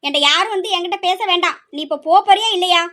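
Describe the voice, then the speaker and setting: A woman's voice: extremely high pitch, fast talker, sharp tone. A woman voicing a furious young woman who refuses an arranged marriage, snapping and threatening. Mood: angry. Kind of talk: amateur family drama.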